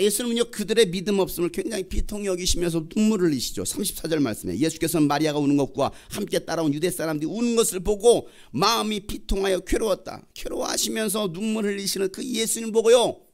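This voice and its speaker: Animated Korean pastor preaching. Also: male voice, sits high, quick pace. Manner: animated storytelling, acts out voices. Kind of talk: sermon.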